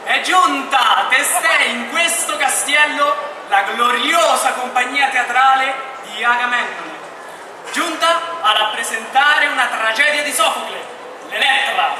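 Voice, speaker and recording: A young man playing a travelling player who proclaims like a town crier on an outdoor stage. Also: very high voice. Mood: proclaiming, grand. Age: young adult. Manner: town crier proclamation, drawn-out projected calls. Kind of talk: costumed outdoor stage comedy. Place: outdoor stage in a paved square. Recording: distant echoing camera audio, crowd noise.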